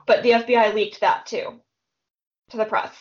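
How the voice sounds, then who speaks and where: A woman's voice: a little high, steady tone, normal speed. Woman, casual podcast chat, filler-heavy retelling, dull lo-fi audio. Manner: chatty retelling, frequent "like" and "um". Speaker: podcast co-host. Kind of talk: casual true-crime chat.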